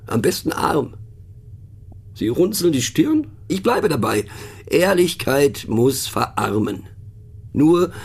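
In a radio play, an actor voices a pensive, mocking narrator who muses rhetorically about abstract words and speaks to the listener in wry asides. His male voice is mid-range, a little mellow and slightly rough, and the delivery is heavily acted.

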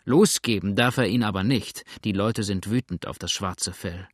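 A man's voice: on the low side, normal speed, no room sound, clean studio sound, close to an everyday voice. A man reading aloud as a grumbling, blunt old male boatswain in a storybook. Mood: gruff.

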